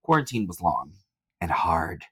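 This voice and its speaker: A campy male podcast host who camps it up, his pitch leaping high and dropping low as he delivers bawdy jokes in a theatrical manner. The sound is dry and close, with no room around it. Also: big pitch swings, a little slow, fairly bright tone, husky, no echo, rough recording. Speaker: podcast host, drag performer. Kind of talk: campy comedic chat.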